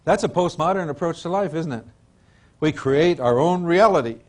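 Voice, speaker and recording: A man's voice: on the high side, lively intonation, moderate pace, a little mellow. An older man giving an informal religious lecture in a rambling, professorial manner, trailing into asides and hesitant repetitions.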